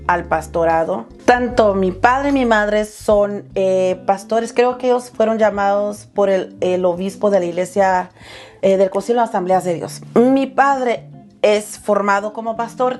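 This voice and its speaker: A Salvadoran woman in her thirties hosts her own channel, sharing her life story in a heartfelt, personal way and calling her viewers "chulis." Her voice is medium in pitch and a little mellow.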